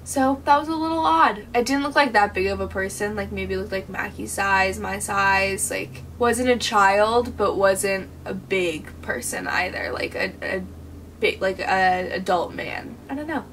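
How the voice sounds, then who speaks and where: A woman's voice: mid-range voice, unhurried, a bit bright. A young American woman chatting casually for a night vlog, telling things in a hesitant way peppered with "like". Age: young adult. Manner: hesitant, filler-heavy storytelling with "like". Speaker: vlogger staying overnight in a garage. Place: cluttered garage at night, seated on sofa. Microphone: camera a few metres away. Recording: distant camera mic with background noise.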